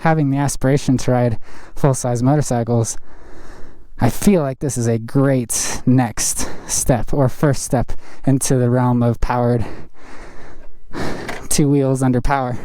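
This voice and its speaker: A man chatting casually inside a helmet as he rides, rambling and haltingly thinking aloud like a motovlogger. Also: medium pitch, dark tone, no room sound. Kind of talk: casual chat while riding. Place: inside a helmet, riding outdoors on a trail. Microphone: helmet microphone. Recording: muffled inside a helmet, vehicle noise. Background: faint vehicle and riding noise.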